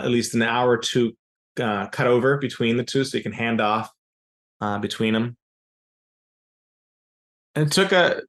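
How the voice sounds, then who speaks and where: A business founder in his forties, raised in Yugoslavia with Serbian as his first language, answers interview questions as a guest. His mid-range, fairly bright voice explains things at length, often pausing on "uh" and restarting phrases.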